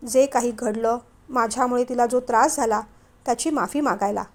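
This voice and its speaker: A woman's voice: fairly high pitch, normal speed. A woman voicing a resentful young married man who feels his family favors his brother, speaking in an accusing, sulky way. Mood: subdued.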